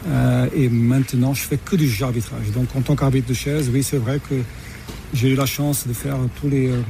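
A middle-aged Portuguese tennis referee, born in Mozambique and raised in Lisbon, recounts his career in a radio interview, hesitating and restarting often. His voice is medium-pitched, steady and mellow with vocal fry, at a normal speed, over slight background noise.

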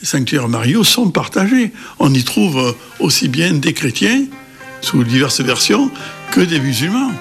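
Male guest expert, middle-aged, emphatic and lively, interview. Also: fairly high pitch, measured pace, faint music behind. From Cévennes, France.

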